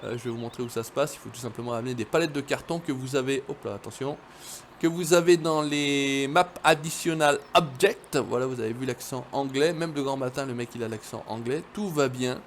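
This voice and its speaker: A man's voice: mid-range voice, fast talker, slight background noise. A man casually commentating a farming game, chatty, swearing now and then, and talking straight to his viewers. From France. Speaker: gaming video host.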